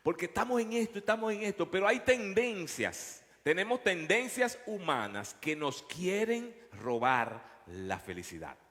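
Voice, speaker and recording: A man preaching a sermon, telling a story with animated delivery and frequent repetitions. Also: high-pitched, measured pace, hardly any pauses, in a large hall. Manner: storytelling, animated, repeats words. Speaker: pastor. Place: church.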